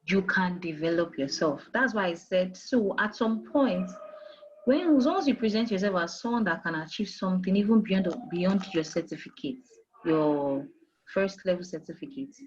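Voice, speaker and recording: In a muffled interview recording, a Nigerian woman who works as an HR manager offers career advice in a lowish, expressive voice at normal speed. She speaks emphatically, repeating her main points and posing rhetorical questions.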